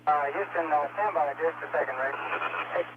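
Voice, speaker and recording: A spacecraft crew member, a man, talking over a crackly space-to-ground radio link in clipped, halting phrases with frequent pauses. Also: a little high. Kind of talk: mission radio communication. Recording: noisy narrow-band space radio.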